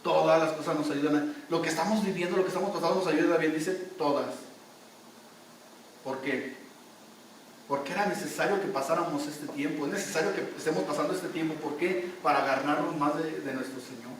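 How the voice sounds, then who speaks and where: Pastor preaching, repeats himself lots, voice a bit high, big echoey church from far away. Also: male voice, fairly quick, a little hiss or hum. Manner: emphatic, repeats phrases, tells anecdotes. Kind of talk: sermon. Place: church hall. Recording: very echoey hall, mic far off.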